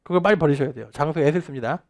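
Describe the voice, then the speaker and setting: A man in his thirties teaching in an online test-prep lecture, energetic and drilling phrases for repetition while swinging his pitch and loudness for emphasis. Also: racing. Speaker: English teacher.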